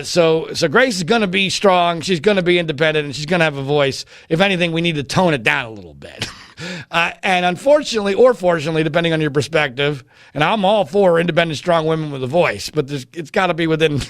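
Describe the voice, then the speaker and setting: A man's voice: on the high side, a bit bright, no echo, clean studio sound. A middle-aged man hosting a podcast, answering listener questions in a wry, rambling way with many filler words. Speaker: podcast host.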